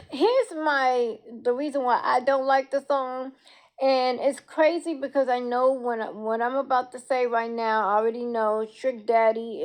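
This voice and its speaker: Woman, toothless slurred lisp, fairly high pitch, candid and emphatic, casual live opinion vlog. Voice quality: toothless, slurred lisping articulation. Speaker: social media video creator.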